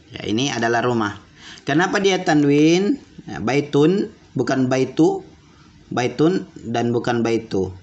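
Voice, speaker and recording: A man teaching basic Arabic to children, repeating words slowly and checking that they understood. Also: medium pitch, animated. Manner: repeats words slowly and asks questions back. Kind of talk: classroom lesson for children. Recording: dull lo-fi audio with faint room noise.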